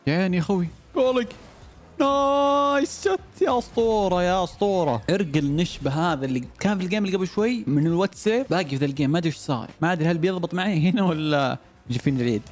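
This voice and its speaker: An excitable young man talks through his gameplay at a rapid clip. His voice sits high and swings wildly, dropping to muttered complaints and leaping up into cheers. Faint music plays underneath. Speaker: gaming YouTuber. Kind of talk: live gameplay commentary.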